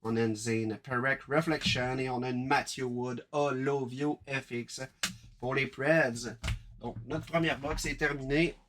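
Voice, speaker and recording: A man with a Quebec French accent hosting a live card-break stream, chatting briskly and calling out each card as he opens packs. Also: medium pitch, steady tone, heavy background noise.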